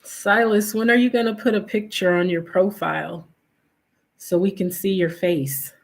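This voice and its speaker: A woman with a gravelly, mid-range voice talks casually with her stream viewers at a moderate pace and steady tone. Allergies leave her nasal and sniffly, and as host she reads viewer names aloud, her sentences trailing into fillers.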